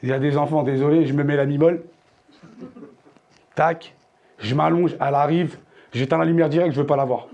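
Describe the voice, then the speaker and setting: Man, stand-up comedian, high voice, gravelly, crude slangy storytelling, bursts of shouting, stage mic. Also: fairly even intonation, a little fast, pauses often, muffled recording. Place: theater stage.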